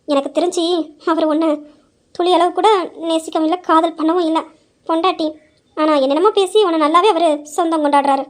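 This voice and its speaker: A young woman in a dramatized story who presses her point insistently and persuasively. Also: very high voice. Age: young adult.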